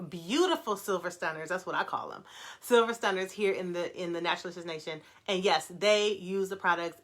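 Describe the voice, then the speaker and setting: A middle-aged woman, hosting a casual live stream, talking fast and excitedly while answering viewer comments. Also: on the low side.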